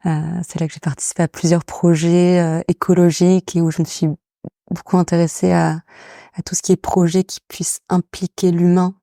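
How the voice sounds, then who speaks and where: A young woman from England who grew up in France, speaking in a low, dark, rather flat voice. She talks hesitantly, with many fillers and pauses, as a guest in a casual interview. The sound is dry and close. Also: no echo. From England, raised in France. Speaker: guest, association director.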